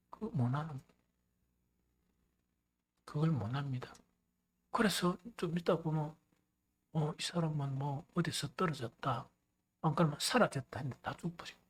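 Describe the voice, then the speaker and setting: A male pastor preaching a sermon, animated and swinging between loud and hushed. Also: on the high side.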